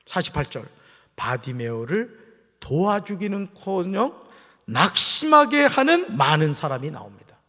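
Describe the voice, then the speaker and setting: A man's voice: high-pitched, very animated, unhurried. A male pastor preaching a sermon with emphatic delivery, pulling call-and-response from the congregation. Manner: emphatic preaching, rising to shouts, drawing replies from the congregation. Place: church sanctuary. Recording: reverberant church sanctuary.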